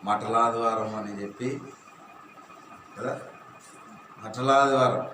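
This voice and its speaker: A man's voice: medium pitch, fairly even intonation, takes it slowly, background noise. Man preaching in an echoey hall. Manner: preaching with questions to the congregation and call-and-response. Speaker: pastor. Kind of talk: sermon. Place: church hall. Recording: echoey from far off.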